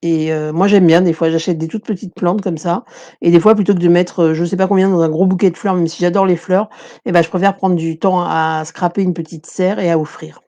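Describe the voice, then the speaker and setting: A woman leads a live crafting tutorial in a loose, chatty way. Her tone is mellow and relaxed. She keeps drifting off into asides and restarting her sentences as she explains the work. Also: on the low side. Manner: chatty, digressive, many fillers and restarts. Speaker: crafting demonstrator.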